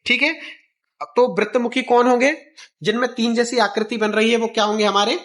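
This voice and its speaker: A man's voice: very high voice, fairly even intonation, normal speed, a bit bright. A male teacher explaining the alphabet for exam students, repeating vowel sounds aloud in a sing-song drill. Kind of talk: exam-prep lesson.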